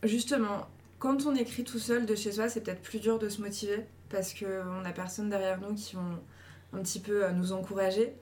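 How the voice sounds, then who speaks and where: A woman's voice: medium pitch, fairly even intonation, moderate pace, a little mellow, a little hiss or hum. A woman casually giving viewers encouraging advice, chatty and full of fillers. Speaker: host giving writing advice.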